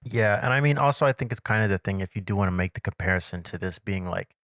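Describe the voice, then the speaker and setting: A man co-hosts a casual podcast in a fairly low voice. He speaks in a measured, agreeable way and thinks aloud as he goes. The sound is close and dry. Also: a bit bright, dry recording. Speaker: podcast co-host. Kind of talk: casual chat. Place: home studio. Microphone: desk mic on a live stream.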